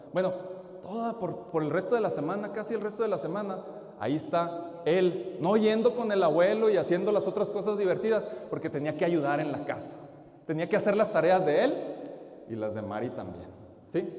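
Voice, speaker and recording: Lively man preaching in an echoing church. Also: high voice. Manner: lively, asks the audience questions. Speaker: lay preacher at a retreat. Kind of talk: storytelling sermon. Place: large church. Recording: echoey church hall.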